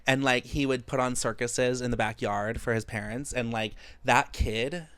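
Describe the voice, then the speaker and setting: A man hosting a podcast, eager and encouraging as he tells his own stories. His voice is bright with a forward edge. The recording is close and dry. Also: medium pitch, steady tone, moderate pace, clear, resonant tone, dry recording. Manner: enthusiastic, affirming, lots of backchannel. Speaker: podcast host. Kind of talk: casual podcast conversation. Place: podcast studio.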